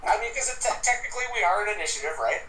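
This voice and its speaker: A man narrating as game master, animated and laughing, now and then yelping little creature cries. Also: sits high, racing, echoey room, far from the mic, a little hiss or hum, poor audio.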